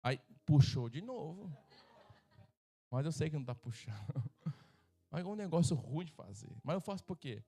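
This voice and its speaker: A man's voice: on the high side, very animated, moderate pace, vocal fry, pauses often, dark tone, breathy edge. A middle-aged Brazilian man preaching as a pastor at a church service, joking and acting out voices from his stories. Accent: Brazilian Portuguese. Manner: humorous, acts out quoted voices. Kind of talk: sermon.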